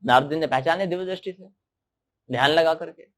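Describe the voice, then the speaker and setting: Brief: male sermon storyteller, high voice, lively and questioning. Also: a little fast. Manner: animated, asks the listeners questions. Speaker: storyteller preacher.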